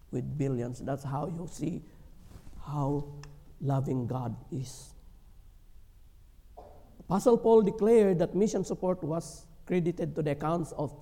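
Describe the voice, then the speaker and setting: A gravelly, dark-toned man from the Philippines delivers a sermon at a slow, deliberate pace. His earnest words ring out with a long reverb, as if in a large church hall. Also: fairly high pitch. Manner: slow, earnest preaching, acting out prayers in a pleading voice. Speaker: pastor.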